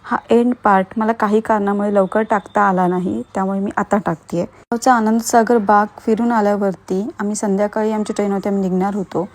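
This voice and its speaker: A woman narrating her travel vlog in a steady, matter-of-fact way. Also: mid-range voice, a little fast. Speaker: vlogger.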